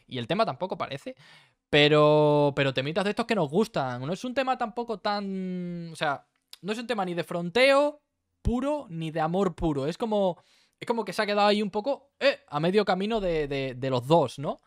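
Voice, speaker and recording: A man's voice: high-pitched, animated, moderate pace, no echo, clean studio sound. A young man from Spain with a Spanish accent, chatting casually as he reacts to a song, easygoing and full of restarts. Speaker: music reaction host.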